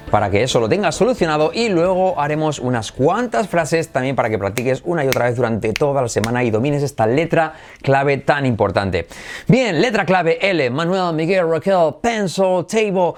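A man from Spain teaching English pronunciation in a lesson, with a Spanish accent, slowly repeating example words. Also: fairly high pitch.

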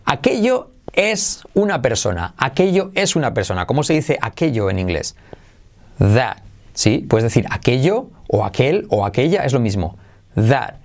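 Male teacher, native Spanish speaker, patient drill-style delivery of English phrases. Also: medium pitch. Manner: slows down to model English phrases, repeats drills. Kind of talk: pronunciation lesson.

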